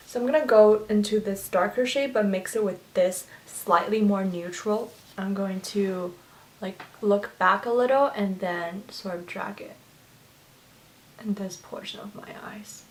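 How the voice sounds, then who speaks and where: In a low-quality recording, a woman in her 20s with a mid-range voice chats through a get-ready-with-me makeup tutorial as a beauty vlogger. Chinese is her first language, and she's gushing and talkative, full of fillers and restarts.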